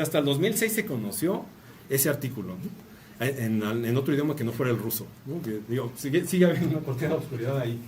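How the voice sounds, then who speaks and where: A man's voice: on the high side, a little mellow. A man with a Mexican Spanish accent gives a casual university lecture, chatty, with joking asides and a questioning "no?" tag on many of his phrases. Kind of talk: casual academic talk. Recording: distant mic with faint room noise.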